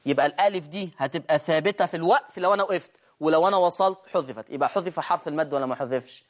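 A man with an Egyptian accent teaching the basics of Quran recitation in a lesson. He explains step by step and often asks whether his listeners follow. He stretches out verses in a slow chant to show each rule. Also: on the high side. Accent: Egyptian Arabic. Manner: repeatedly asks "right?" to check understanding. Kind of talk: online tajweed lesson.

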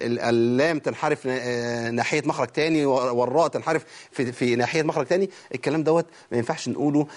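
A man with an Egyptian accent teaching Quran recitation rules. He often asks a question and answers it himself, and he demonstrates the sounds as he goes. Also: medium pitch. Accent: Egyptian Arabic. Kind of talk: lecture on recitation.

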